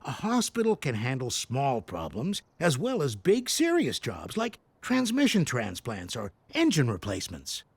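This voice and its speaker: A man voicing a kindly, patient truck doctor in a children's cartoon, gentle and explanatory. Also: medium pitch, huge pitch swings, measured pace, hardly any pauses, husky, no echo, heavily acted. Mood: reassuring.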